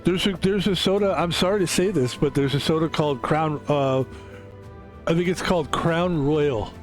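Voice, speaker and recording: Young male streamer from Philadelphia, slightly high voice, casual rambling chatter. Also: normal speed, soft background music. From Philadelphia, USA. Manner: rambling, self-interrupting storyteller. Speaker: game streamer.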